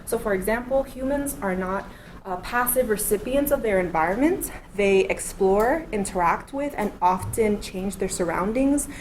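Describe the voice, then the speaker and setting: Speaking in a lecture room, a Miami woman in her thirties, a postdoc, lays out her academic points in orderly steps. Her medium-pitched voice is animated at a moderate pace, and the low-quality recording carries a little hiss or hum.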